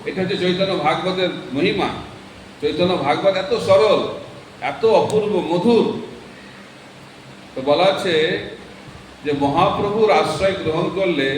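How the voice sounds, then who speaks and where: Monk giving a scripture talk, kinda high voice, big echoey hall, sounds far from the mic, asks the crowd stuff. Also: male voice, unhurried, long pauses, slight background noise. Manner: teaching by questions and answers with the audience. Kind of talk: sermon. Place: temple hall.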